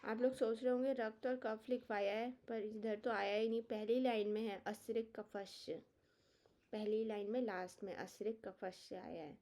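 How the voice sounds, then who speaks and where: A woman's voice: fairly high pitch, steady tone, moderate pace, warm tone. A woman teaching an Ayurveda exam-prep lecture. She reads Sanskrit verses, explains them in Hindi with English terms, and gives memory tricks. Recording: dull lo-fi lecture recording.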